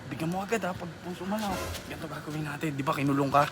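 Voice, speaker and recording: A man in a prank vlog giving quick orders outdoors and swearing casually. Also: on the high side, background noise. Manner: rapid, bossy, swears casually.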